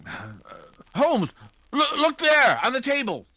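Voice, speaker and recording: Casting: male actor as nervous doctor, loyal detective's companion; bright, high, swooping voice, stammering, radio mystery style. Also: huge pitch swings, slow, dry recording, heavily acted. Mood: nervous, alarmed. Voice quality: stammering, flustered delivery. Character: anxious, fussing Doctor Watson, Holmes's loyal companion. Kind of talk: old-time radio detective drama acting.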